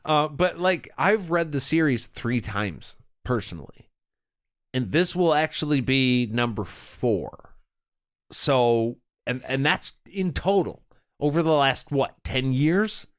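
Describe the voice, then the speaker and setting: A man's voice: medium pitch, slow pace, no room sound, clean studio sound. A young man co-hosting a podcast, chatting casually, laughing often and reading out a listener email. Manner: laughing, animated storyteller. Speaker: podcast co-host.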